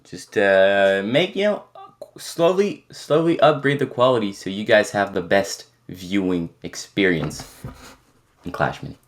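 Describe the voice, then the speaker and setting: This lowish, expressive, unhurried voice belongs to a young French content creator in his twenties. Answering viewer questions casually, he rambles and restarts a lot, speaking English with a mostly American accent lightly touched by his native French.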